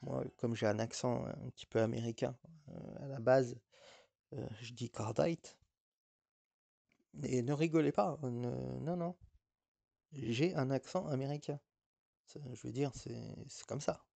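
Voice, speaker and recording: Male gaming YouTuber, casual chatty commentary, mid pitch, a bit of vocal fry, stop-start delivery. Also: a little slow, dark tone, no room sound. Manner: chatty, rambling, with frequent hesitations and restarts.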